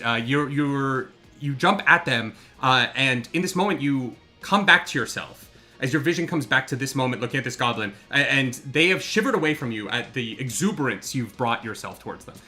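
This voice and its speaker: GM narrating a live tabletop session, bright tone, halting delivery, faint music behind. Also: medium pitch, lively intonation. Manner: halting, descriptive. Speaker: game master. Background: faint background music.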